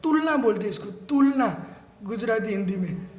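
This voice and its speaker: A man teaching English grammar step by step, spelling words out letter by letter and reading English definitions slowly. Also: very high-pitched, echoey room. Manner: mixes slow English definitions into quick explanations. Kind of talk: classroom-style grammar lesson.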